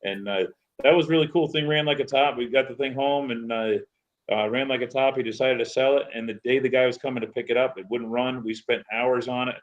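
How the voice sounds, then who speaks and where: A man's voice: mid-range voice, fairly even intonation, a little fast. A man telling rambling stories and laughing in a casual chat. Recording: dull lo-fi sound.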